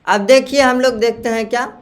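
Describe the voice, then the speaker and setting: Male chemistry teacher, slow and repetitive. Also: extremely high pitch, steady tone. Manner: repeats key terms slowly, checks understanding with questions. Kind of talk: classroom lecture on naming salts.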